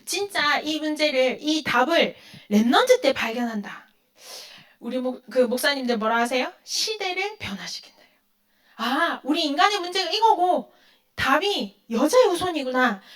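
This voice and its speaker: A woman with a high, expressive, fairly bright voice addresses a youth group at a moderate pace. During the sermon she asks and answers her own questions and acts out quotations in a dramatic voice.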